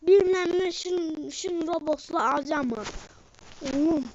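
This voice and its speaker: A woman streamer giving live gameplay commentary, excitable and swinging between low mutters and sudden outbursts. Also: unhurried, slight background noise. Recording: muffled lo-fi screen recording.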